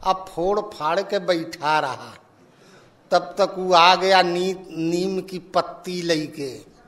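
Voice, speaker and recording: Slow, high-voiced man telling a folksy parable. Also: a bit bright. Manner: slow, folksy storytelling with acted-out dialogue. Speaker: spiritual teacher. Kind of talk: storytelling sermon.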